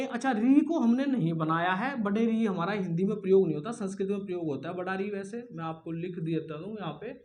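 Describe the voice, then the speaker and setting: A man teaching a lesson who explains step by step, asks questions and answers them himself, and stretches sounds slowly to show how they are said. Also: sits high. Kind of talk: classroom lesson.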